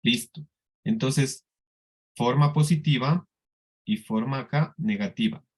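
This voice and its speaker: This is a man with a Colombian Spanish accent teaching a class. He talks at a slow, deliberate pace in a mid-range voice, and he often checks that his students understand. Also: mid-range voice, breathy edge. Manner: slow, patient explaining with frequent checks for understanding. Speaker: English teacher. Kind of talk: classroom lesson.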